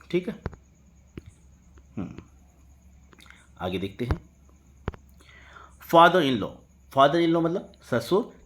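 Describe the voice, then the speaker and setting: A man teaching English vocabulary. He spells words out slowly letter by letter and keeps checking in with "ठीक है". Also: a little high.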